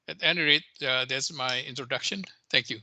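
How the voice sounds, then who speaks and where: Bright, hesitant man on a call. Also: mid-range voice, slight background noise. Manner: hesitant, many "uh" pauses. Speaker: university professor. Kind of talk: casual self-introduction on a call. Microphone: video call.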